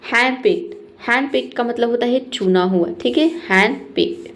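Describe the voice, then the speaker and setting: A woman's voice: on the high side, normal speed, gravelly. Patient Indian woman teaching pronunciation. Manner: patient, repeats each word and keeps checking in. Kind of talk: explaining word meanings in Hindi.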